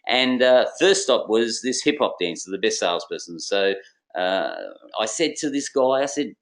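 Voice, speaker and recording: A middle-aged man, a business consultant, telling a case story to an audience in a theatrical way and acting out the dialogue. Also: normal speed. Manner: lively, theatrical, acts out dialogue with swinging pitch. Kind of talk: animated storytelling presentation to an audience.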